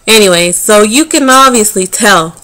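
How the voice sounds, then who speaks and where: A woman in her thirties tells a story to camera in a casual vlog, speaking at medium pitch and normal speed. She's animated and profane, tossing in sassy, dismissive asides and laughing often.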